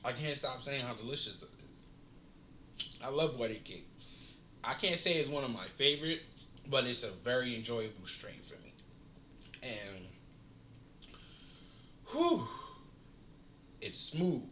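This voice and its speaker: A relaxed man in a casual slangy vlog, savoring and reviewing what he smokes. His voice sits at a middle pitch in a roomy space. The recording is dull and lo-fi with a faint hiss underneath. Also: normal speed, long pauses. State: smoking while talking. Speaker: cannabis reviewer.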